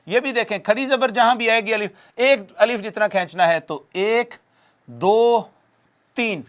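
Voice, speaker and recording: Male tajweed teacher, high resonant voice, patient explainer who drills slow recitations. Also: a bit bright. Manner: explains rules patiently, then recites slowly and drawn out for viewers to repeat; asks the audience questions and answers them himself. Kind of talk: televised tajweed lesson.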